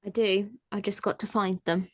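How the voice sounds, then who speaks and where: A woman co-hosting a casual fan chat show, chatty and quick to laugh, with hedging fillers. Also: medium pitch, flat delivery, no echo. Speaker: podcast co-host.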